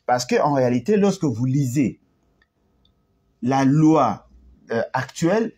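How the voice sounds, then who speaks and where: A man's voice: medium pitch, warm tone, husky. A man giving analytical commentary, explaining at length, restarting words and slipping into Lingala. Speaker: political commentator.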